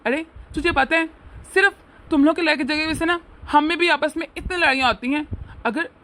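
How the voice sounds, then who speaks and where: A woman voicing a middle-aged father-in-law who schemes kindly and scolds in a fatherly way in an animated family drama. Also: high voice, fairly quick. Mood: scolding.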